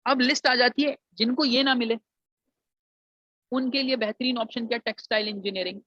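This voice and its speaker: A Pakistani man with a very high voice speaks briskly in fairly even intonation, recorded in a dull, dry lo-fi way. In an explanatory lesson, he advises students on engineering admissions, mixing English phrases into his Urdu and calling them "beta."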